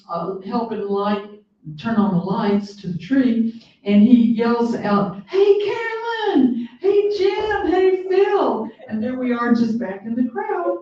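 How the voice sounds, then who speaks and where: An older woman speaks at a library talk, reminiscing with plenty of fillers and restarts. Her voice is dark and mellow. It sounds muffled and distant, heard through a very echoey room. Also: medium pitch. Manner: warm storytelling with frequent fillers and restarts. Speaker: author and guest speaker.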